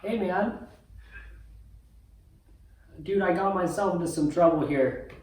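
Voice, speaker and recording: A man on a prank collect call made to sound like a jail payphone, his voice coming through distant and heavily echoed. He talks slowly and easily, playful and full of laughter. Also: sits high, darkish tone. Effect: prank collect call as if from a jail payphone, heard over the phone line. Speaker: youth pastor prank caller. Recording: distant, very echoey phone audio.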